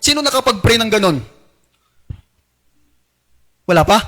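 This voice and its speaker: A man's voice: very animated, unhurried, bright, forceful tone. A male pastor with a Filipino accent preaching a Sunday sermon, calling on the congregation to repeat lines after him and slipping English phrases into his Filipino. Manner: acts out tempting whispers in a lowered voice. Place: church service.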